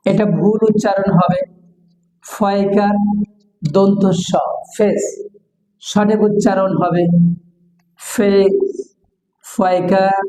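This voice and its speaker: A man teaching English pronunciation in a classroom, repeating each word slowly and pointing to the board. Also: high voice, mellow. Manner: slow, drawn-out, repeats each word many times. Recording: echoey room with long reverb.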